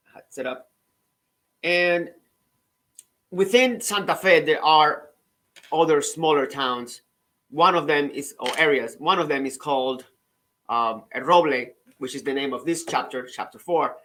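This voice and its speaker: Man, bright halting storyteller. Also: a little high. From Cuba. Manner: conversational, halting with frequent restarts and "right?" tags. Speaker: author and channel host. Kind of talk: casual storytelling to camera.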